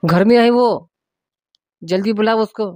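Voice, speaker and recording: A woman's voice: mid-range voice, unhurried, dark tone, no echo, clean studio sound, natural voice. A woman playing a curt, commanding male police officer in a village comedy skit. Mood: stern. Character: gruff male police inspector.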